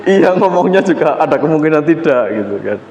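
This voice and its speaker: A man's voice: a little high, very animated, brisk, darkish tone. Lecturing man in an echoey classroom. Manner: casual conversational lecturing with fillers and self-corrections. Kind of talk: university lecture. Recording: echoey classroom, faint room noise.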